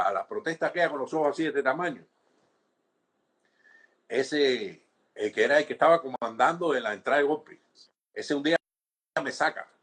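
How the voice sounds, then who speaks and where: A man's voice: mid-range voice, slightly rough. A man in his sixties with a Cuban accent, telling stories in an interview and acting out what others said to him. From Cuba. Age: 60s. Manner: animated storytelling, acts out quoted guards, frequent restarts and "¿entiendes?". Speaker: interviewee, former political prisoner. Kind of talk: conversational interview storytelling.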